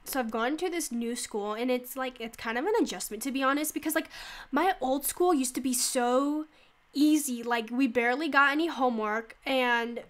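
This is a teenage gaming YouTuber with a cold, talking casually as she plays in a high-pitched, fairly bright voice at normal speed. Her chatter rambles and leans heavily on "like", broken up by yelps and laughter.

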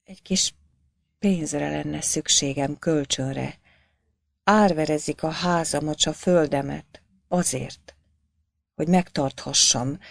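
A woman voicing a poor, humble peasant man who speaks quietly and stammers in shame. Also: low voice, vocal fry, long pauses, no echo.

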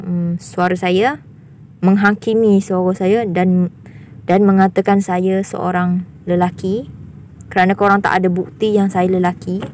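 A young woman with a husky, raspy voice sitting a touch low. She addresses her viewers in a vlog monologue. She sounds firmly indignant and repeats herself for emphasis. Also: darkish tone, slight background noise. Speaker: YouTuber.

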